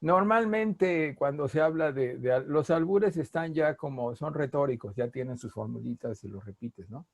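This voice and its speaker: A middle-aged man with a Mexican accent, a linguist being interviewed, talking in a playful, animated way. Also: on the high side, normal speed, creaky, few pauses, dry recording. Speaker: linguist guest. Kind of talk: conversational interview.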